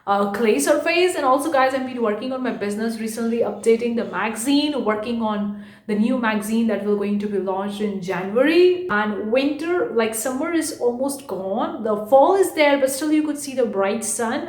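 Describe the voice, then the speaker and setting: Chatty woman vlogger, a bit high-pitched, fast and rambling, recorded in a roomy bedroom. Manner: chatty, rambling, frequent "guys"; says she speaks too fast. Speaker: art vlogger and online entrepreneur. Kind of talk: casual vlog chat. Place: her bedroom.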